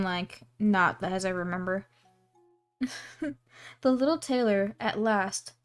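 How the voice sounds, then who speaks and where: A woman streamer casually reading a storybook aloud, giggling and adding asides on the text. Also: mid-range voice.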